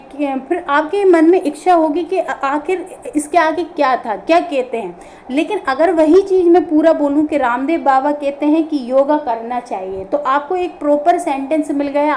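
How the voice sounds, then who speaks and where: A woman with a high voice gives an online grammar lesson. She works through each point step by step, asking a question and then answering it herself. There is faint ambient noise in the room behind her. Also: a little mellow. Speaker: teacher.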